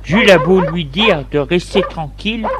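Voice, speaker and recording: A man reading a story aloud in a slow, deliberate way. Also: high-pitched. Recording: steady background noise.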